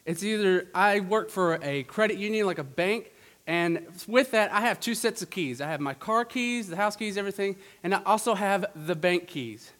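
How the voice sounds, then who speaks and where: A man's voice: high voice, normal speed, fairly bright tone. A man preaching a sermon, telling a self-mocking everyday story in a conversational way before reading scripture. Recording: long hall reverb.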